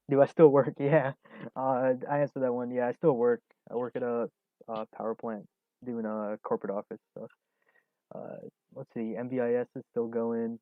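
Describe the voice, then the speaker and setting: Hosting a casual stock trading livestream, a man in his early twenties answers viewer questions in a relaxed manner with frequent chuckles and fillers. His medium-pitched voice has phone-quality sound and no room sound.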